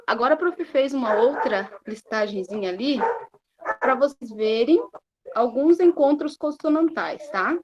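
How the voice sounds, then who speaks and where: A Brazilian woman teaching a recorded lesson in a slightly high voice. She talks very slowly and stretches out each syllable. She keeps checking in with her students as she goes. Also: animated, muffled recording, crowd noise. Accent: Brazilian Portuguese. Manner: slow, drawn-out syllables with frequent "né?" and "tá?" checks.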